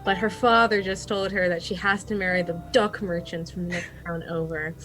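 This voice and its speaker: A woman's voice: on the low side, steady tone, normal speed, a bit bright, faint music behind. A woman playing a story game on a live stream, chatty and bubbly, laughing often. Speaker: player. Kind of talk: casual live-stream chat.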